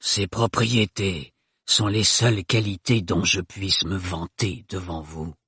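A curt, emotionless young suitor speaks slowly and low, every word flat and unbothered, as a male narrator puts him on. The voice is husky and sits close and dry. There is no warmth anywhere in it. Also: dry recording, heavily acted. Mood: cold, flat. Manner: flat, neutral, unhurried delivery. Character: cold, curt young man, emotionless and blunt.

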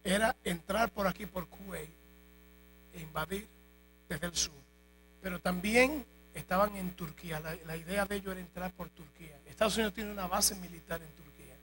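A man preaching a sermon in a church, telling jokes and stories in a lively way. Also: sits high, moderate pace, rough recording. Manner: animated, joking storytelling. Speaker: pastor. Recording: faint mains hum.

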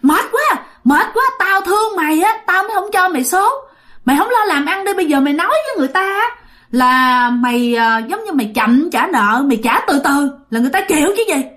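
Angry male ghost, high and loud, scolding, played by a woman storyteller. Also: expressive, normal speed, few pauses. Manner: scolding, barking repeated questions. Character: angry bullying male ghost, shouting and slapping.

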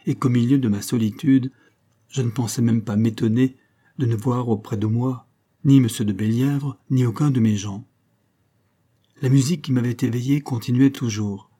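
A man reading a classic story aloud in a measured, even narrating manner. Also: medium pitch, breathy edge. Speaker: audiobook reader. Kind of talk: scripted literary narration.

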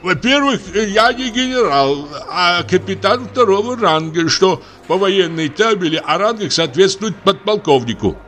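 A man's voice: high-pitched, lively intonation, measured pace, few pauses, fairly bright tone, slight background noise, pitched above the performer's own voice. A man voicing an old, hard-of-hearing retired naval captain who mishears and blusters. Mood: indignant. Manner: mishears, then blusters indignantly.

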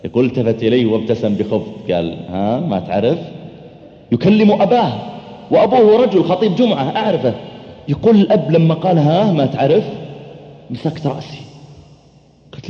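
A middle-aged male preacher delivers a sermon at a quick clip, acting out his anecdotes with lively turns of voice. His voice sits a little high. The recording is dull and lo-fi, and it carries the long echo of a large hall. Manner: animated, acts out dialogue, chants verses slowly. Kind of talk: sermon storytelling. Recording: echoey hall, dull lo-fi sound.

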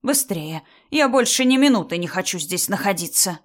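A woman reading a story aloud and voicing a spiteful, suspicious older mother-in-law who talks in a shrill, accusing way. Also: animated, normal speed, close to an everyday voice. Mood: furious.

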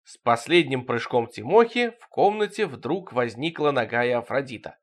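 A man's voice: medium pitch, lively intonation, moderate pace. A man narrating a surreal comic story in a theatrical, bouncy reading style.

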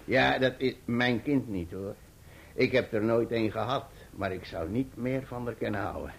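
An actor playing Peggotty, an older, hearty and emotional fisherman who talks in a rough, jovial way and laughs often in a radio play. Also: fairly low pitch, normal speed.

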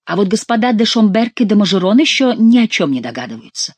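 A reader voicing a sharp-tongued male court jester who mocks everyone in a high, lively voice. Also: quick pace, husky, dry recording. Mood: mocking. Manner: mocking, teasing. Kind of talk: audiobook character reading.

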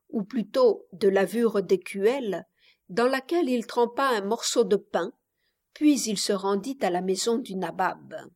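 A woman narrating a classic novel as an audiobook reader, in a measured, unhurried way. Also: mid-range voice, a little mellow. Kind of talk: literary narration.

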